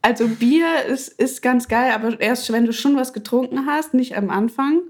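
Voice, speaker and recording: A woman's voice: on the high side, moderate pace. A young woman in her twenties co-hosting a podcast, talking casually and laughing often. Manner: lively, laughs often, colloquial. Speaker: podcast co-host. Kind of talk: casual chat.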